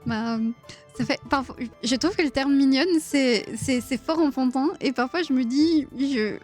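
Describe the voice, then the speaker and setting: A woman's voice: high voice, normal speed, a little mellow, faint music behind. A woman in her thirties hosting a live quiz stream, chatting playfully with viewers and giggling often. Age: 30s. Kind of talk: casual live-stream chat.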